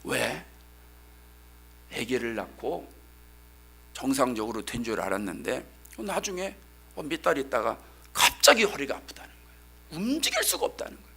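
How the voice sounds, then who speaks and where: Animated, gravelly-voiced man preaching. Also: medium pitch, moderate pace, pauses often. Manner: animated storytelling; emphatic, sometimes shouting. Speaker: pastor. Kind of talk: sermon.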